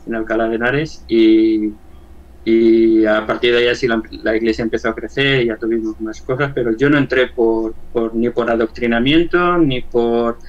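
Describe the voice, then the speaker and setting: A man in his sixties from Valencia with a Spanish accent from Spain, giving an earnest personal testimony as an interview guest, often halting and repeating words. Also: medium pitch, fairly even intonation, muffled recording. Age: 60s. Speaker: interview guest, church member.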